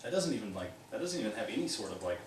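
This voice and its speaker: A man's voice: fairly low pitch, sing-song, racing, slight background noise. A man co-hosting a beer review show, chatting in a joking, laid-back way with filler sounds. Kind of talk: casual chat. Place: home room. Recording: echoey room, mic at a distance.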